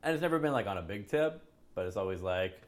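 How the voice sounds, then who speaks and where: A man from the United States, a bartender, chatting casually and telling animated stories, putting on the voices of his customers. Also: lowish voice, fast talker. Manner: animated storyteller, acts out customers' lines. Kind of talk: casual chat.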